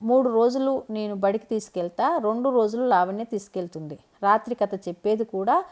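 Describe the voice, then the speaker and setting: Caring young dad, woman voicing him, earnest and warm. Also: a little high, a little fast, lightly acted. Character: young father, caring son, eager to change.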